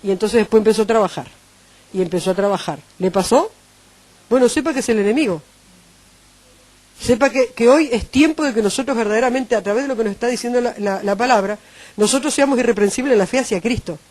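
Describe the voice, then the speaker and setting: A woman with a Uruguayan Spanish accent preaching a sermon, animated and acting out the voices she quotes. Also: on the high side, quick pace, no room sound.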